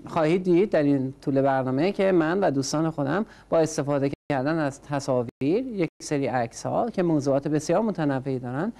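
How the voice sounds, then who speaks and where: An English teacher with a low, mellow voice runs a language class, speaking animatedly with hardly any pauses. She patiently drills words through repetition and prompts each learner in turn.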